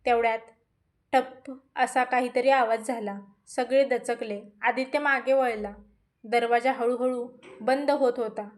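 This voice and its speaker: A woman narrating a dramatic story in a steady, measured reading voice. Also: a little high.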